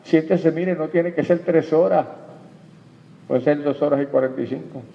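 Slightly high and laced with vocal fry, the man's voice moves at a moderate pace as he preaches, frequently questioning the congregation directly and calling them brother, "hermano." It's a lo-fi recording with long hall reverb.

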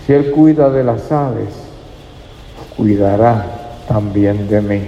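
Gravelly-voiced preacher in an echoey hall. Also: male voice, fairly low pitch, slow pace, warm tone, highs cut off. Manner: earnest, addresses listeners as brother. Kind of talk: sermon. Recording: echoey hall with faint ambience.

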